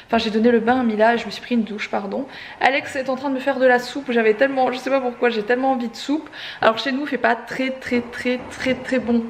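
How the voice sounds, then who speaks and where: A woman's voice: fairly high pitch, steady tone, fast, slight background noise. A chatty, self-mocking young woman and mother talking casually in a family vlog, sounding tired. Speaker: vlogger and mother.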